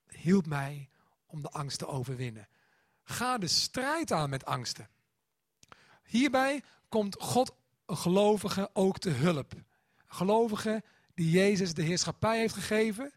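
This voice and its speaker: High-voiced man preaching. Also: no room sound, clean studio sound. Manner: animated, acts out quotes and a child's voice. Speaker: pastor. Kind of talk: sermon.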